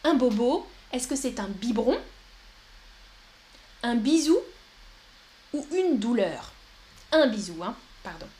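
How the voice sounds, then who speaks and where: A young woman teaching a live-stream language lesson, speaking slowly and clearly and repeating words for her viewers. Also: fairly high pitch, very animated, a little mellow. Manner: slow and clear, repeats words, puts on a babyish voice for examples. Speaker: French teacher.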